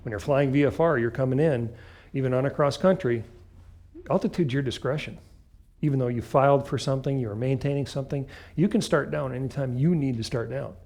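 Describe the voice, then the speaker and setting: A man's voice: mid-range voice, a little fast, a little mellow. A man giving an instructional talk as a flight instructor, explaining step by step in short, emphatic, clipped phrases. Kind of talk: instructional talk with acted radio call examples.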